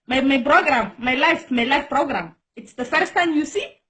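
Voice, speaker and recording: High-voiced woman with a Djiboutian accent. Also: animated, normal speed, fairly bright tone. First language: Somali. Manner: broken English, repeats herself, coaxing. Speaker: live stream host. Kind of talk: casual live-stream chat.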